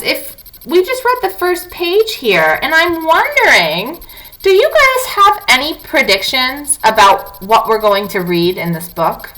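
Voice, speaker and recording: Her pitch sits high and her tone is sharp as this woman teacher reads non-fiction to young children, putting questions and prompts straight to them. The recording quality is poor.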